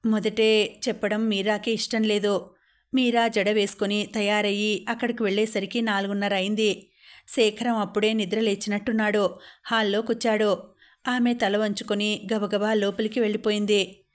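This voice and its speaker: A woman narrating a novel as an audiobook in steady, measured scripted reading. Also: medium pitch.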